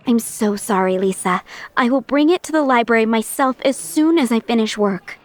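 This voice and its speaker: A woman's voice: fairly high pitch, moderate pace, natural voice. A woman voicing a polite, apologetic young restaurant worker in a video game, earnest in manner. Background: faint music.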